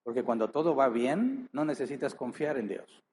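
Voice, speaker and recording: Preaching in an earnest manner, this man reads scripture and then confronts the congregation with question after question, stretching out the key words for emphasis. His mid-range voice is a little mellow and swings widely in pitch. Slight background noise can be heard.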